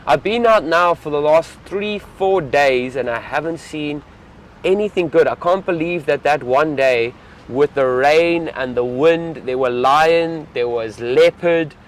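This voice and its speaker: A man's voice: a little high, measured pace. A young man, a safari field guide, chatting casually and enthusiastically to live-stream viewers from an open vehicle outdoors.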